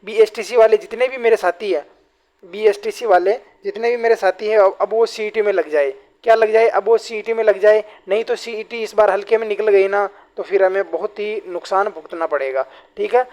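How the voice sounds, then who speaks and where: A man teaching a Hindi grammar lesson for exam preparation, often calling his viewers companions, repeating key phrases and reading example sentences slowly. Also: high-pitched, a little mellow. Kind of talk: online exam-prep lesson.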